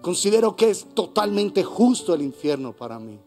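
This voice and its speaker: A man with a Colombian accent preaching a sermon as pastor, swinging between hushed and loud passages. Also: sits high, big pitch swings, normal speed, faint music behind. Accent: Colombian Spanish. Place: church hall.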